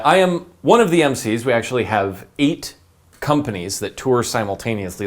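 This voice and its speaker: A man chatting casually and giving his commentary as a guest panelist. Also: medium pitch.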